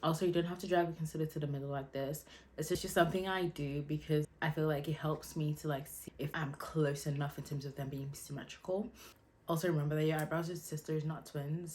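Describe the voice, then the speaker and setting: A young woman chatting casually through a makeup tutorial, relaxed and loose, with lots of fillers. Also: sits low, slight background noise. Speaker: beauty vlogger.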